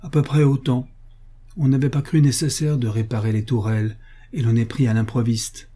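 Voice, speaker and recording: A man voicing an eager Alsatian soldier prisoner, speaking brisk and urgent in an audiobook reading, with a dark, husky voice. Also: medium pitch, flat delivery, natural voice.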